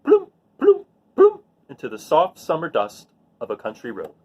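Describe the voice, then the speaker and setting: Slightly rough and a little high, this man's voice comes through lo-fi audio at a moderate pace. He's a children's read-aloud host, expressively playing up sound words in picture books and making casual, simple asides to the kids listening.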